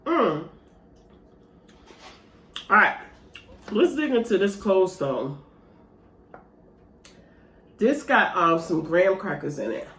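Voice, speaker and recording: A woman's voice: medium pitch, sing-song, slow pace, pauses often, a bit bright. A woman vlogger, chatting casually and animatedly to her viewers while eating dessert at home. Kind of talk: casual mukbang chat to viewers. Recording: echoey room.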